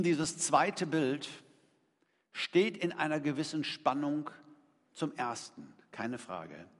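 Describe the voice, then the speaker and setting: A middle-aged man preaching a sermon in a conversational, emphatic way, throwing rhetorical questions to his congregation. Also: on the high side. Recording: long reverb of a large hall.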